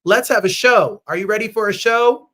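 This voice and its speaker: Upbeat Midwestern male host, fairly high voice, chatty livestream from home. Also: normal speed, sharp tone. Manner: upbeat, chatty, greets viewers by name. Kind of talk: casual livestream chat.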